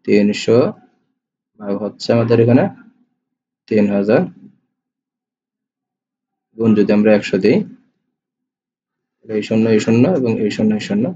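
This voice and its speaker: His lowish, mellow voice barely moves in pitch, and he talks at normal speed with long pauses. A tutor with a Bangladeshi Bengali accent, he reads exam questions and repeats each answer, recorded as a dull lo-fi voice-over with faint hiss.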